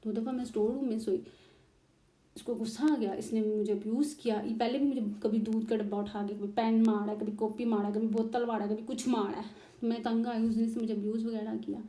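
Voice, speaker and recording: A woman's voice: on the high side, little pitch movement, brisk, mellow, echoey room. A woman from Pakistan, telling her own story as heated personal testimony and acting out the arguments she describes. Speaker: interviewee recounting her marriage.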